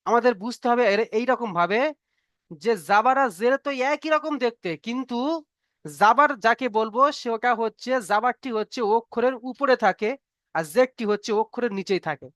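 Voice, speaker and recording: A man's voice: very high-pitched, moderate pace, fairly bright tone, no echo, clean studio sound. A man teaching an online Arabic reading lesson as a Quran teacher. He speaks patiently, repeats each point and keeps asking if the class has understood. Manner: patient and repetitive, checks understanding with frequent questions.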